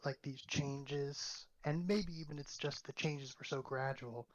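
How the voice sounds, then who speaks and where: A man's voice: mid-range voice, fairly even intonation, unhurried. A man speaking as a guest in a casual book discussion, thoughtful and full of fillers, often checking for agreement. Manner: thoughtful, filler-heavy, asks for agreement with "right". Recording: dull lo-fi mic with faint noise.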